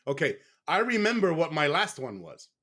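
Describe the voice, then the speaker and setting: A man's voice: fairly high pitch, very animated, normal speed, pushed and bright. A man from the United States speaking in a casual interview as a guest, candid and rambling, often stopping to correct himself.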